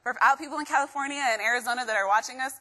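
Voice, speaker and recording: Bright, upbeat young woman from Guatemala. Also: sits high, racing. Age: young adult. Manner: energetic, keeps quizzing the crowd. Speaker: motivational speaker. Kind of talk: live motivational talk to students.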